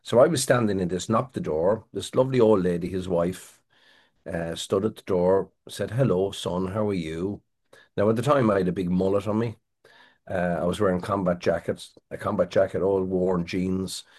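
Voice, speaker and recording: A man's voice: sits low, steady tone, moderate pace, a little mellow. A middle-aged Irish man, a crime writer, telling a long rambling story in an interview, with frequent restarts. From Ireland.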